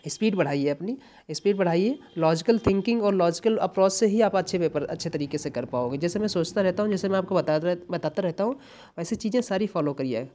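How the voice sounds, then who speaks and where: A man's voice: high-pitched, lively intonation, a little fast, mellow. A man tutoring exam English, explaining step by step and repeating key words with frequent tag questions. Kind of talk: exam-prep lesson.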